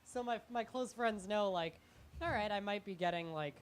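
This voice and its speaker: A young man chats as a comedy guest on a live show. He talks in halting, rambling bursts and pokes fun at himself, with faint ambience in the background. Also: sits high, a little hiss or hum. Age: young adult. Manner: halting, rambling, self-deprecating. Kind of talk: live talk-show interview.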